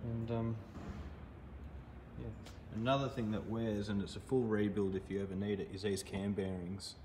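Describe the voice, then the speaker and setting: A young man, a mechanic casually walking through his engine work in a plain-spoken, relaxed way with trailing phrases, recorded by a camera across a large indoor workshop. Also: lowish voice, normal speed. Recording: echoey workshop with clear background noise.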